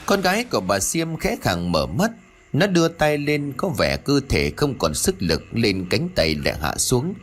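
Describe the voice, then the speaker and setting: A man narrating a ghost story in a dramatic, expressive way. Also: mid-range voice, moderate pace. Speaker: audiobook narrator. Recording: soft background music.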